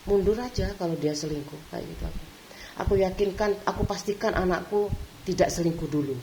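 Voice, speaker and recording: A middle-aged woman talks to her vlog camera in a loose, rambling way, acting out snippets of what others said. Her voice sits fairly low, with a faint hiss and occasional clicks behind it. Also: a little mellow, poor audio. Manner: chatty, acts out quoted talk, often laughs, repeats filler tag. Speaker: vlogger. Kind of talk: casual chatty vlog monologue.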